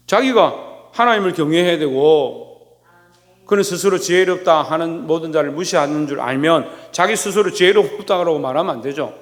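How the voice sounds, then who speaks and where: A man's voice: on the high side, long reverb tail. A man, a pastor, preaching a sermon to his congregation. He keeps asking questions and answering them himself, and raises his voice to act out quoted scolding. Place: church sanctuary.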